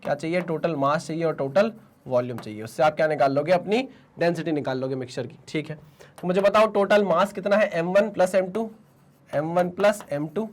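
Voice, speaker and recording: Guy teacher, scratchy throat, fires questions then answers them, indian english, kinda high voice. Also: fairly quick. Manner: Hinglish call-and-response teaching, answers his own questions. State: sore throat. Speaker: physics teacher. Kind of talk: online exam-prep lecture.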